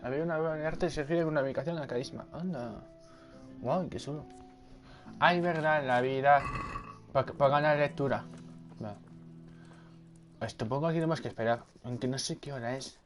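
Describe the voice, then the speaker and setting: Quiet-talking gameplay commentator. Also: male voice, medium pitch, fairly quick, pauses often, faint music behind. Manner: speaking quietly, muttering to himself. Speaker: gameplay video creator. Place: home at night.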